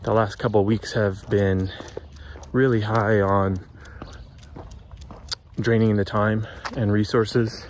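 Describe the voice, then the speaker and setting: A man's voice: lowish voice, flat delivery, takes it slowly, long pauses, slight background noise. Candid man venting in a casual vlog. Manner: candid, rambling, frustrated self-talk. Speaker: artist vlogger. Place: outdoors on a city street, then indoors.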